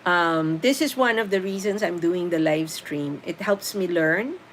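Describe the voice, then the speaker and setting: With a lowish, unhurried voice, this middle-aged host from the Philippines reads comments from viewers on her casual live stream and answers them with easy laughter. She speaks with a Filipino accent, her first language being Tagalog, and there's slight background noise.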